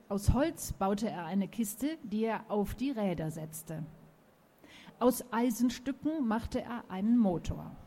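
Lady reading a kids' book at a book fair, super slow, soft mellow voice. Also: a little high. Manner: speaks directly to children, slow and gentle. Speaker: author reading to children. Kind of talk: reading a children's book aloud.

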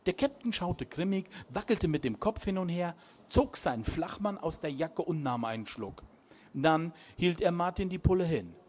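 A man with a fairly high voice reads a coastal crime story aloud. His delivery is animated and swings widely in pitch. Between chapters he drops into relaxed, chatty asides. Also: moderate pace. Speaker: reader.

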